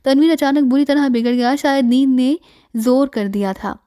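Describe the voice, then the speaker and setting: A woman narrating a spy story audiobook, reading all the characters in one steady voice. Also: high voice, normal speed, clean tone, no echo, clean studio sound.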